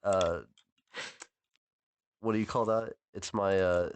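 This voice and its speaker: A man's voice: low voice, steady tone, takes it slowly, smooth, no echo. A sick man co-hosting a podcast, joking around and stumbling while reading his script. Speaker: podcast co-host. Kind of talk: casual chat.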